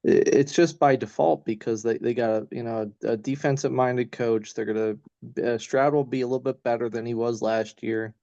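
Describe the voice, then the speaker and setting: A man speaks in a mid-range voice over dull, slightly muffled audio with no room sound. He talks haltingly, full of "uh" and "you know", circling back before finishing each thought. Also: medium pitch, steady tone, gravelly, dark tone, dry recording. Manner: halting, many fillers and restarts. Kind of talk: casual podcast chat.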